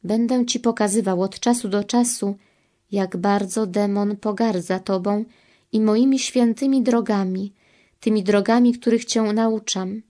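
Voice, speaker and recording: A woman voicing Jesus as a gentle, solemn male divine teacher, speaking slowly and tenderly. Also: mid-range voice, fairly even intonation, natural voice.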